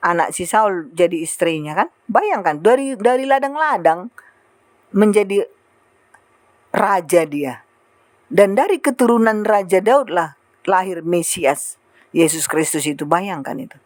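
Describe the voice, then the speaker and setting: A woman preaching a sermon in an animated way, acting out the prayers and remarks she quotes. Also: lowish voice, measured pace, long pauses, no echo.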